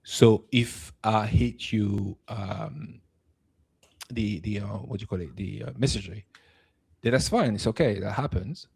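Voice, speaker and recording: A man's voice: lowish voice, unhurried, vocal fry, darkish tone, breathy edge. A man co-hosting a spiritual talk, giving relationship advice with hesitant fillers. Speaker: co-host.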